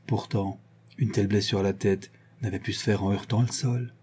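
A man narrating an audiobook in a measured storytelling manner. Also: lowish voice, steady tone, mellow, slightly rough. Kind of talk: audiobook reading.

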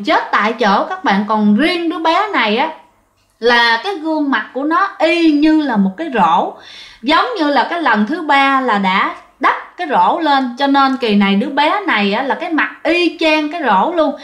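High-voiced Southern Vietnamese woman storyteller. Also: a bit bright, echoey room. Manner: chatty, addresses listeners directly. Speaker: ghost story narrator. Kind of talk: casual spoken storytelling.

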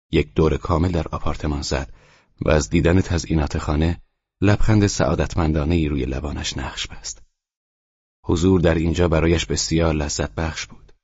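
Calm male narrator for a novel, husky and very deep, close and dry. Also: no room sound. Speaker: audiobook narrator. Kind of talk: scripted narration. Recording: dull, dry studio read.

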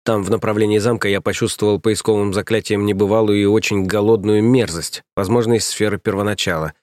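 A man playing a calm sardonic priest. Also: on the low side, no echo, close to an everyday voice. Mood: composed. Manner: composed, dry, unhurried. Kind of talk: audiobook character voice.

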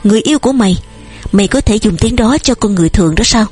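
A stern old farmer father barks and scolds his grown son, as a woman reader voices him. The voice is breathy and sits at a middle pitch. Soft music plays faintly underneath this audiobook reading. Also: animated, racing. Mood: angry. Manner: shouting, scolding.

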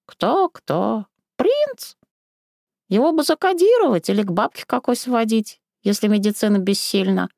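A woman's voice: medium pitch, lively intonation, normal speed, gravelly, a little mellow, dry recording, studio quality, voice pushed up. Woman doing a rude sing-song old crone. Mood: coaxing, bossy. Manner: sing-song sugary then snapping, coarse.

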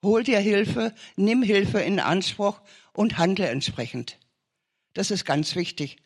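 A man's voice: sits high, slow, breathy edge. A man preaching an urgent sermon testimony, pressing listeners with emphatic, repeated short commands.

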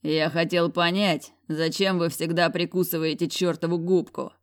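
A woman's voice: on the low side, flat delivery, normal speed, natural voice. A woman voicing a rude, hulking grown man who growls and sneers in an audiobook. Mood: mocking.

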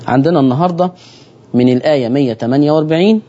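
A man's voice: on the high side, racing, warm tone, muffled recording. A man with an Egyptian accent teaching Quran recitation on a broadcast lesson, speaking straight to his listeners and repeating key phrases.

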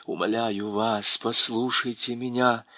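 A man's voice: mid-range voice, flat delivery, measured pace, pushed and bright, dry recording. A man voicing a desperate, bewitched young knight who pleads urgently and at times rages. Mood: pleading.

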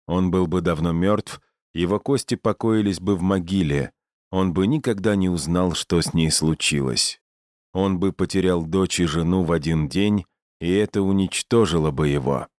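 Male audiobook narrator, very deep voice, dry close recording, measured reading. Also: darkish tone, no room sound. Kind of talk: scripted narration.

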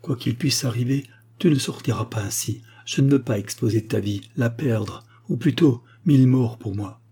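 A frantic, pleading young noblewoman from an old storybook, as a male reader puts her on. The voice sits a little higher than the narration, with a dark and husky grain. It is read aloud rather than fully acted. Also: moderate pace.

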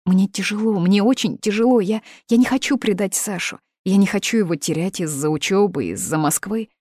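A woman's voice: medium pitch, a little fast, dark tone, no room sound, voice pushed up, close to an everyday voice. A woman reading the part of an eighteen-year-old daughter, pleading and emotional, in a dry, close recording. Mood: distressed.

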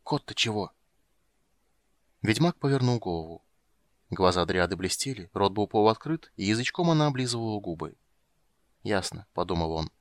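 Brief: measured male audiobook narrator; dry close studio sound. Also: lowish voice, lively intonation, no echo. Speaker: audiobook reader. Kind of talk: scripted narration.

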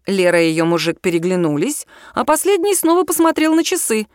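A woman reads a scary story aloud with animated, lively pitch. Her voice is even in tone, neither high nor low. The recording is close and dry. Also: fairly quick, dry recording. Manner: expressive storytelling. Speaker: narrator. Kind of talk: scripted narration of a horror story.

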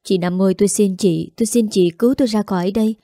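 A woman's voice: medium pitch, quick pace, mellow, no room sound, studio quality, lightly acted. A woman voicing a desperate jailed young mother, begging tearfully. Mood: pleading.

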